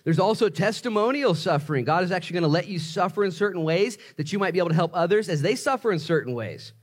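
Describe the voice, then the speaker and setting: Higher-pitched man preaching an emphatic sermon. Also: animated, fast talker. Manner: emphatic motivational preaching, swinging from hushed asides to raised exclamations; conversational, addresses listeners directly with rhetorical questions. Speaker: pastor preaching.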